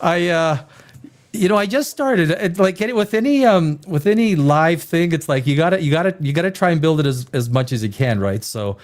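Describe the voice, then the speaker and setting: A man's voice: fairly high pitch, animated, brisk. A man in his fifties hosting a live stream, talking in a rambling, opinionated way with many restarts while reading viewer comments. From born in Czechoslovakia, raised elsewhere. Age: 50s. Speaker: live show host reading chat.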